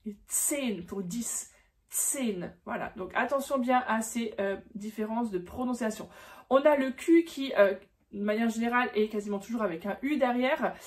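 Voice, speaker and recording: Woman teaching German sounds. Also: a little high. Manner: demonstrates sounds slowly, repeating words, frequent fillers. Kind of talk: casual pronunciation lesson.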